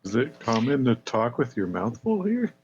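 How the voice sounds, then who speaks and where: A man's voice: medium pitch, sing-song, moderate pace, darkish tone, dull audio, slight background noise. A man playing in a tabletop game, who makes joking remarks and laughs at his own asides. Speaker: player. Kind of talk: casual tabletop role-play.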